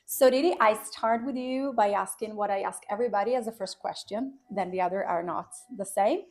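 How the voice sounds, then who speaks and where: A native Italian speaker with an Italian accent hosts a podcast interview, keeping the chat loose and casual and often restarting her sentences. Her voice is mid-range and her pace brisk.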